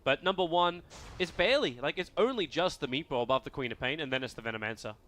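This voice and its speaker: A man doing live esports play-by-play commentary, excitable and rising to shouts at big plays. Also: on the high side, fast.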